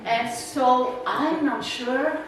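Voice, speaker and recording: She has a high voice and draws out her words while chatting through an informal, rambling slide talk for a naturalist club, filled with fillers and laughter. She's from the Czech Republic and has a Czech accent. Her voice reaches the mic from far off in a noisy, echoey meeting room.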